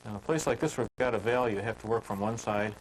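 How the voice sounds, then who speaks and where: A man teaching woodcarving in a relaxed, homespun storytelling manner, chatting with filler words as he works. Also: lowish voice, racing, a little hiss or hum, poor audio. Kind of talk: folksy storytelling while demonstrating carving.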